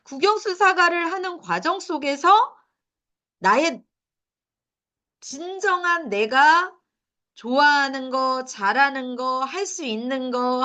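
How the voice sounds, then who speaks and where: A woman's voice: sits high, sharp tone. A middle-aged woman giving a lecture to mothers, asking the audience questions and laughing at her own points. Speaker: lecturer for parents.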